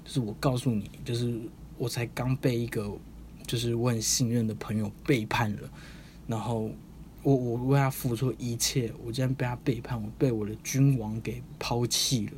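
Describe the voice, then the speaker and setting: Man doing a bitter wounded man, agitated, stammering, pitch jumping up, loud. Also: steady tone, normal speed, slight background noise, lightly acted. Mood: angry. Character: bitter, wounded adult man full of grudges.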